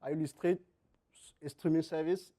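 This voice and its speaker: A man from Cameroon with a French-Cameroonian accent gives a technical conference presentation in halting non-native English, sometimes repeating words. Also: on the high side, steady tone, dark tone. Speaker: conference speaker, software engineer.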